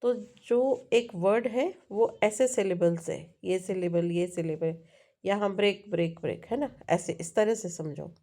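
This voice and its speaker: A woman with an Indian accent teaching an English lesson, explaining slowly and often checking in with her students. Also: medium pitch, warm tone. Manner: slow explanatory teaching, mixing Hindi and English, frequent "है ना" checks. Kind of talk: classroom lesson explaining syllables.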